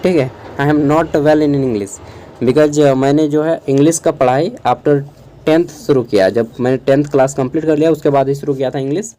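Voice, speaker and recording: Young male tutor from Jharkhand, Khortha first language, somewhat high, mellow voice, patient casual lecture spelling words out. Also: steady tone. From Jharkhand, India. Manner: explains slowly, spells words out letter by letter; keeps checking in with listeners. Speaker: teacher. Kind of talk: casual exam-prep lecture.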